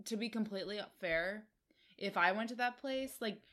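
A woman's voice: medium pitch, normal speed, pushed and bright. A young woman co-hosting a casual recap chat, blunt and chatty with lots of fillers. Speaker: podcast co-host.

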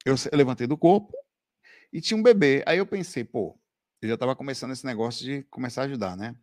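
A man's voice: mid-range voice, quick pace, no echo. Guy on a live stream telling creepy stories, laughs a lot, dry close sound. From Brazil. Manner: animated storytelling, laughing, slangy with "velho" and "cara". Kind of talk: casual live chat answering viewer questions.

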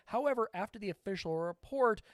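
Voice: mid-range voice, expressive, brisk, no echo, studio quality. A podcast co-host telling a story in casual chat, rambling and swearing with laughing asides.

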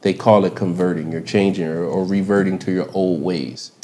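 A man's voice: low-pitched, steady tone, moderate pace, dark tone. A man hosting a podcast in casual chat, playful and rambling, joking and laughing as he talks. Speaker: podcast host.

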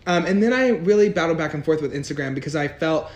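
A man's voice: a little high, expressive, fast talker. A young man co-hosting a podcast in casual chat, joking and teasing. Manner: joking, laughs and teases often. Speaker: podcast co-host. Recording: echoey room.

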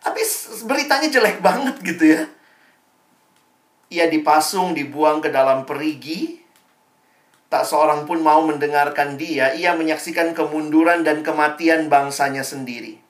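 A man's voice: fairly high pitch, a little slow. A young man giving a casual devotional talk to a campus fellowship, chatty and informal, with slangy asides and tag questions. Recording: echoey room.

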